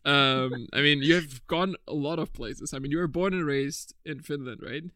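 A man's voice: a little high, moderate pace, bright, forceful tone, no echo, studio quality. Chatty young man hosting a podcast. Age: 20s. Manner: chatty and rambling, laughs often. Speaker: podcast host. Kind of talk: casual chat.

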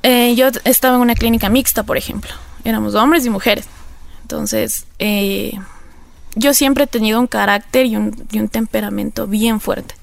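A woman, her fairly high voice edged with vocal fry and gravel. She speaks earnestly and reflectively as an interview guest, often leaning on filler phrases while she recounts her past. The recording is close and dry. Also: steady tone, moderate pace, dry recording. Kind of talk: personal testimony in conversation.

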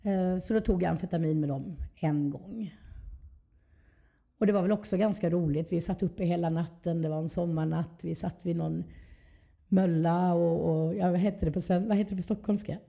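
A woman's voice: fairly low pitch, fairly even intonation, vocal fry, mellow. A woman, telling her personal story candidly and reflectively as an interview guest. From southern Sweden.

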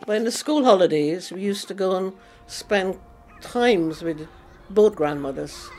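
Woman, 80s, from Guyana, interviewee, halting chatty reminiscing, faint music behind. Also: medium pitch, lively intonation, a little mellow.

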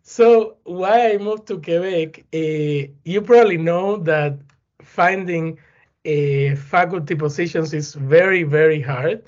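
A man, answering interview questions as a guest in an earnest, halting way with many fillers. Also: fairly high pitch. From Cuba. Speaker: guest, plant pathology professor. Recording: dull lo-fi sound.

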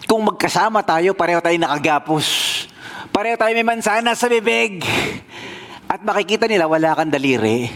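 Preacher doing the wise buddy, teasing and knowing, fairly high voice. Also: male voice, expressive, brisk, fairly bright tone. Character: calm wise male best friend, teasing.

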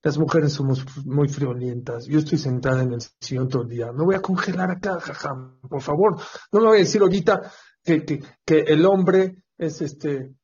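A speaker with a Mexican accent voicing an elderly, stubborn wife who pleads with a rabbi. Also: female voice, deep voice, moderate pace, darkish tone, breathy edge. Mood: pleading. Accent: Mexican Spanish. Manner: pleading, insistent. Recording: dull lo-fi recording.

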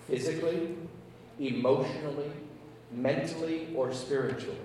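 Pastor, male, earnest storytelling sermon, booming echo of a big church hall. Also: a little mellow, slight background noise. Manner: earnest, acts out dialogue with emphatic rises. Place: large church. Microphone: handheld mic. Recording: echoey church hall, distant mic.

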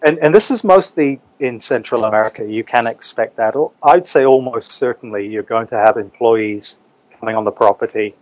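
A man from New Zealand chats as an interview guest in an average-pitched voice. The recording is dry and a little dull and lo-fi. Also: normal speed, no room sound. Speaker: interview guest, English teacher. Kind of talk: casual interview talk.

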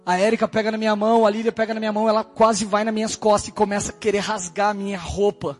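A man from Brazil, a pastor, telling his testimony in a sermon, swinging from shouts to hushed quiet speech. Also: high voice, little pitch movement, fast talker. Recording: faint music behind.

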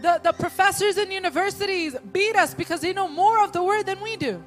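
A woman's voice: very high voice, normal speed, faint music behind. A woman interpreting a sermon live, restating each phrase right after the preacher with occasional repeated words.

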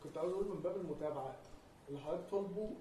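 A man's voice: on the high side, rapid-fire, dark tone. A man with an Egyptian accent, a student in the class, asking his teacher an earnest question. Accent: Egyptian Arabic. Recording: distant, roomy sound with faint noise.

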